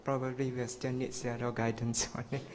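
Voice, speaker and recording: A man's voice: mid-range voice, level tone, a little fast, darkish tone, slight background noise. A man from Malaysia, a monk participant, giving hesitant course feedback with many fillers.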